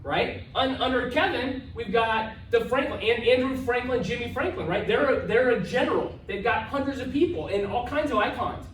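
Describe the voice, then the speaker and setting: A man giving an energetic, emphatic motivational seminar talk to a live audience. He repeats phrases and tags his lines with "right?". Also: very high-pitched, normal speed, hardly any pauses. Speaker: motivational event speaker. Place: event room with a live audience. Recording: echoey room, far from mic, faint noise.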